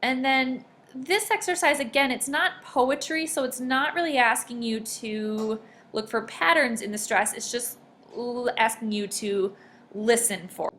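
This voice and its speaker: A woman's voice: a little high, a little slow, a bit bright. A woman teacher talking her class through a homework worksheet over a screen recording, explaining each answer and reading examples aloud with exaggerated stress.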